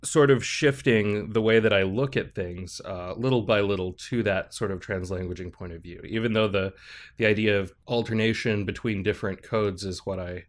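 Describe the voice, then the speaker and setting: A male professor, guesting on a podcast, explains ideas in a measured, thoughtful way, checking in with "right?" as he goes. His voice is lowish with fairly even intonation, in an explanatory interview.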